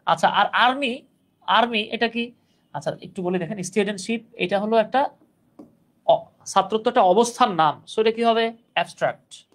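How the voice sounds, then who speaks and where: A man's voice: high voice, normal speed, pauses often, a bit bright. A young man teaching English grammar in a live online class, patiently explaining rules and reading out viewers' comments.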